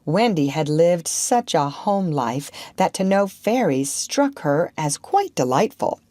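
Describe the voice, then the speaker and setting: A woman reads a storybook aloud with a very lively, expressive voice. Her pitch moves freely up and down, and the sound is dry and close to the mic. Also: slow pace, dry recording. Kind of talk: scripted narration.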